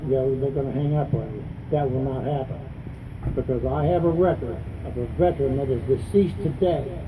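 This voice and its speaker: A man's voice: a little high, far from the mic, phone-quality sound, noisy background. A man speaking as a political candidate at a news conference, plain-spoken and adamant, repeating phrases for emphasis. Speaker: congressional candidate and veterans advocate. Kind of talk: campaign speech at a news conference.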